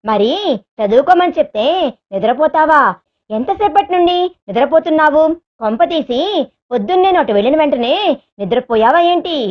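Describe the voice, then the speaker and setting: A woman's voice: high-pitched, lively intonation, moderate pace, long pauses. A woman voicing a teasing, caring young man in a romantic audio story, in a slightly dull recording. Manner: teasing, gentle, reassuring.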